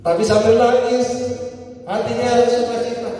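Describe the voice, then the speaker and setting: High-voiced preacher in an echoey hall. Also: male voice, level tone, normal speed, distant mic, slight background noise. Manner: sing-song preaching delivery, swinging between loud highs and soft lows. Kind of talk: sermon.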